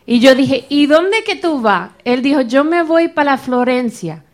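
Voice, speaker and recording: A woman from Florida telling a personal testimony in church, acting out the dialogue with lively shifts. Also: high voice, unhurried. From Florida, United States. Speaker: church member sharing a testimony. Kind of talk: animated personal storytelling.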